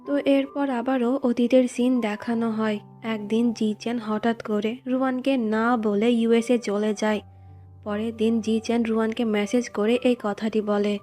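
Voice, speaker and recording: A woman with a fairly high but mellow, soft-edged voice tells a drama's story in an even, storytelling way. She reads the characters' lines in her own voice without acting them out. Faint music plays under her narration. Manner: plain recounting, reads quoted lines in the same voice.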